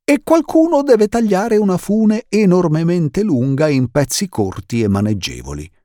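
In a clean, echo-free studio recording, a man reads an audiobook in a high, sing-song voice pushed upward, at normal speed. He plays a jolly older uncle who studies snakes, exclaiming eagerly with exuberant warmth.

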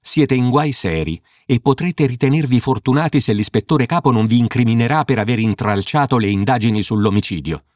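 A man's voice: medium pitch, brisk, few pauses, a little mellow, no echo, clean studio sound, lightly acted. A man reading an audiobook voices a stern, exasperated police sergeant who scolds sharply.

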